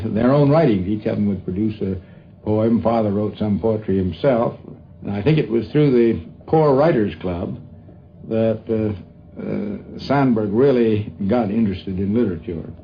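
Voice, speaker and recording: In a dull 1950s radio interview, an older, educated American university academic reminisces hesitantly and unscripted. His voice is fairly low in pitch, with a little hiss or hum on the recording.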